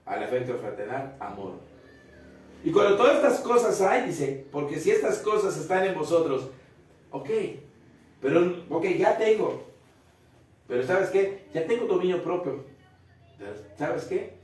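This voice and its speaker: A man's voice: a little high, sing-song, unhurried, distant mic. A man preaching a family Bible study sermon, earnestly repeating phrases and putting questions to his listeners. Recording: very echoey room, voice from off the mic.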